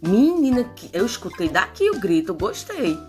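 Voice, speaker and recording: A woman's voice: mid-range voice, faint music behind. A woman teacher leading a phonics lesson for young children, stretching out syllables and coaxing them to answer. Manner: slow, drawn-out syllables, animated coaxing.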